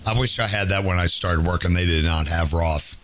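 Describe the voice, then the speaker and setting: A man in his late fifties hosting a podcast, chatting casually in an animated, jokey way with a slightly hoarse voice. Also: sits low, brisk. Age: 50s. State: hoarse from laryngitis. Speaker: podcast host.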